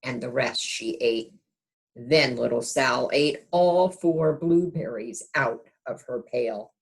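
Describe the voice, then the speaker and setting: A woman reads a picture book to young children like a kindergarten teacher, adding explanatory asides and gentle questions for her listeners. Her voice is bass with vocal fry, and she takes it slowly.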